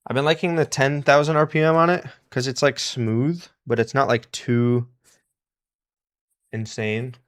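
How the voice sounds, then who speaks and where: Repairing electronics on a relaxed live stream, a man keeps up easy chat as he solders, laughing often and greeting and thanking those watching. He speaks in a steady, mid-range voice, a little slow.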